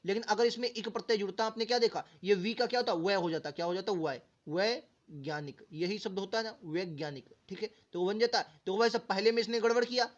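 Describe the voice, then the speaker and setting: High-voiced man drilling spelling, lo-fi. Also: fast, few pauses. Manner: drills words aloud, repeats them syllable by syllable; keeps asking students rhetorical questions. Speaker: teacher. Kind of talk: exam-prep grammar lesson.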